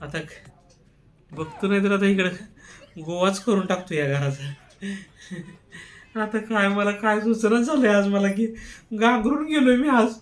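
A man's voice: high-pitched, fairly even intonation, a little slow, long pauses, soft background music. A man playing a husband in a comic skit, pleading and laughing as he talks. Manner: giggly, pleading, keeps laughing while denying it. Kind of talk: comic sketch acting.

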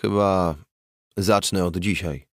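A man voicing a gruff, worn-out police commissioner in his late forties who barks and curses in angry outbursts. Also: low-pitched, fairly even intonation, slow, no echo, studio quality. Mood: stern. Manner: barking, cursing outbursts.

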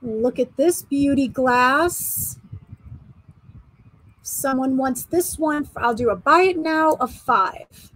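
A woman in her forties hosts a live online auction, chatting casually, laughing a lot, and greeting viewers by name while showing items for sale. Her high, slightly bright voice is slow, and the recording is rough.

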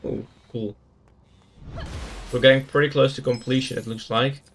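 A man's voice: medium pitch, fairly even intonation, moderate pace, a bit bright. A man giving casual gameplay commentary, thinking aloud in an easygoing way as he explores a game. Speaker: gaming YouTuber.

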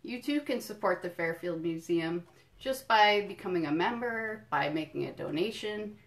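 A woman hosts a children's storytime, reading a picture book aloud in deliberate phrases with friendly asides and simple explanations. Her fairly low voice is animated, and she speaks directly to the young listeners with questions and encouragement.

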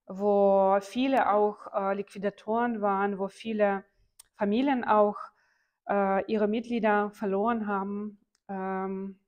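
A woman in her thirties from Ukraine, speaking with a Ukrainian accent and giving a history talk in a small room, hesitant, with many filler sounds and restarts. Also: medium pitch. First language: Ukrainian and Russian. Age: 30s. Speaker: lecturer. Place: small indoor lecture room. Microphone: far camera.

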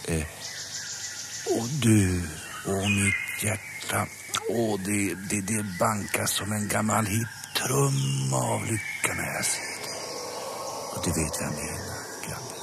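A man's voice: lowish voice, very noisy. An actor voicing a big jolly easygoing male bear in a dubbed audio drama, talking in a rambling, stammering, chuckling way. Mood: tender. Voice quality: gravelly, rough voice.

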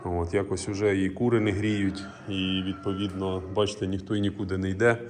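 Low-voiced farmer in a cattle barn. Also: male voice, level tone, a little fast, darkish tone, a little hiss or hum. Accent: Ukrainian. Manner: talks fondly to cows and calves in a cooing voice. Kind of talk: casual farm vlog.

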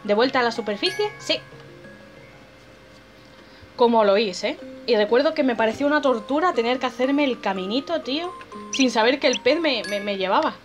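Chatty young Spanish woman, high voice. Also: animated, brisk. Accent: Spain Spanish. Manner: chatty, joking, swears casually. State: slightly hoarse from voice strain. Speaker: gamer. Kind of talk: let's play commentary. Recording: voice over game music.

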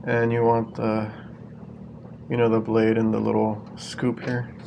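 Male refrigeration tech, plain-spoken and even, gravelly tone, head-cam audio with loud equipment noise. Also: on the low side, unhurried, lo-fi sound. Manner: relaxed, plain-spoken, explains as he works. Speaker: refrigeration technician. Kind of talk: casual on-the-job narration. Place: inside a walk-in cooler. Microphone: head-mounted action camera.

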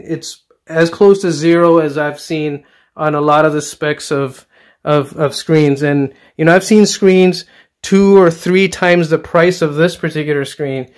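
A middle-aged man giving a casual, enthusiastic walkthrough of his basement home theater, with lots of fillers and restarts, recorded on a handheld camera. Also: on the high side. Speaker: home theater hobbyist vlogger. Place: dark basement home theater room, indoors.

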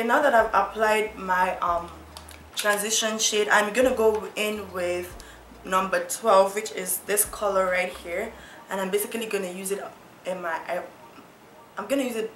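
A woman's voice: mid-range voice, fairly bright tone, a little hiss or hum. A young woman from Nigeria, chatting and giggling through a makeup tutorial vlog, teasing herself as she goes. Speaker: beauty vlogger. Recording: roomy echo, faint music.

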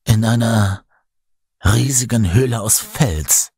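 A man voicing a weak man risen from the dead, with a gurgling, rattling voice and halting speech. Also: fairly low pitch, creaky, a little mellow, breathy edge, dry recording, exaggerated voice. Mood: grim.

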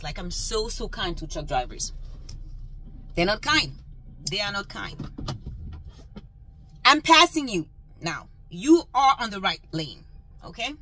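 A woman's voice: mid-range voice, sharp tone, rough recording. A woman delivery van driver venting in an exasperated, emphatic rant while driving, with road noise behind her. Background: road and engine noise.

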